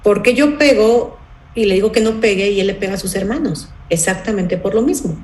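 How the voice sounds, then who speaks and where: A woman's voice: medium pitch, fairly quick, darkish tone, reverberant, poor audio. Woman teaching a parenting workshop. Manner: explanatory, asks the audience rhetorical checks like "¿sí?" and "¿bien?".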